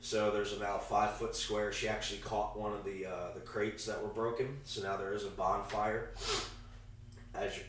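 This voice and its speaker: A man with a gravelly, congested voice, casually and haltingly narrating a tabletop game as game master. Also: fairly low pitch, level tone, a bit bright. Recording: echoey room, far from mic, faint noise.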